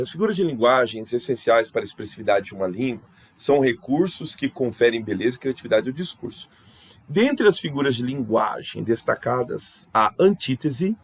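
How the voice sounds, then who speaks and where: A man's voice: medium pitch, slightly rough, no echo. A Brazilian man, a Portuguese teacher, casually working through exam questions aloud and often correcting himself. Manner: thinks aloud, corrects himself often, ends sentences with 'tá?'.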